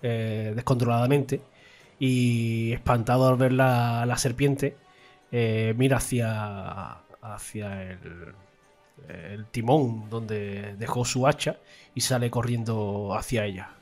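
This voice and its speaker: Halting player describing his move. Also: medium pitch, steady tone, a little mellow, soft background music. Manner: halting, with fillers. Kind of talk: casual game talk.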